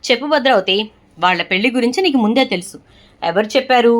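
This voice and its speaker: A woman voicing a stern, angry middle-aged family patriarch in a retold serial, scolding and shouting. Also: a little high, animated, fast, pitched above the performer's own voice, natural voice.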